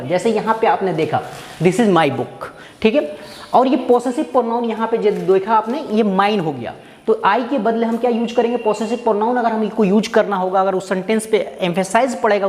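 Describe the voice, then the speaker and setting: Male grammar teacher for a recorded lesson. Quizzes the viewer, then answers himself, and reads examples slowly. Recorded in a roomy space with a long reverb tail. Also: sits high.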